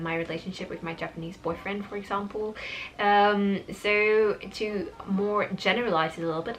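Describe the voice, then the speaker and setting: A woman's voice: fairly low pitch, pushed and bright, poor audio. A woman in her twenties talking casually to her viewers in a vlog, rambling with frequent ums and restarts. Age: 20s. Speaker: vlogger. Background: background music.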